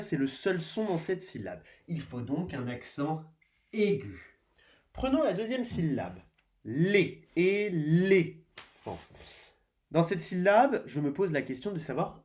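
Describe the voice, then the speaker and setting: Slow, lively-voiced male schoolteacher. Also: a little high. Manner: slow, deliberate, spells out sounds and syllables. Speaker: primary school teacher. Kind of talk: spelling lesson for young children.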